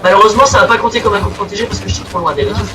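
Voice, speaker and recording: High-voiced excitable young man gaming. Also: racing, recorded from a distance, rough recording. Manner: excitable, crude, swears often. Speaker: gaming video creator. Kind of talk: playing commentary. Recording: voice set back from the mic, game music behind.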